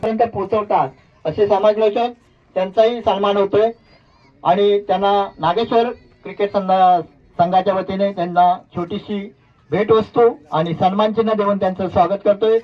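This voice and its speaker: High-voiced man announcing names at a prize ceremony. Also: steady tone, muffled recording. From Konkan, India. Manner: reads names one by one in a formal, measured listing. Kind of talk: formal public announcing of names.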